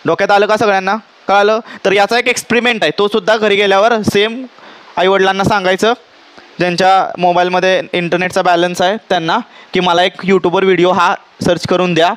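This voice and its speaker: A man teaches a physics lesson at a rapid clip, his voice pitched high for a man. He keeps checking with the class whether everyone has understood. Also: flat delivery, fairly bright tone, clean tone.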